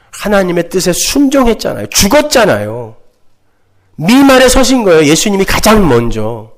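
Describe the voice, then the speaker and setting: A male pastor preaching a sermon, emphatic and often putting rhetorical questions to his listeners. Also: a little high.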